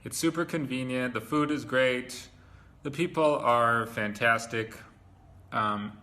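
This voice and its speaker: Upbeat man, bright voice. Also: mid-range voice. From USA. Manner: upbeat, with frequent "um". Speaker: expat interviewee. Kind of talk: casual talk to camera.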